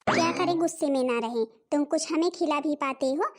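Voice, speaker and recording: High-voiced woman voicing a cartoon family. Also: fairly quick, faint music behind. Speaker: narrator voicing all family figures. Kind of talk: cartoon family drama, one woman voicing every role.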